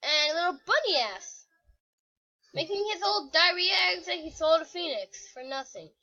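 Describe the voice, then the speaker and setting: Woman gamer chatting, really high voice, goofy slangy rambling, muffled audio. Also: animated, moderate pace, sharp tone. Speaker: channel host. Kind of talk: casual gaming chat. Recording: muffled lo-fi recording.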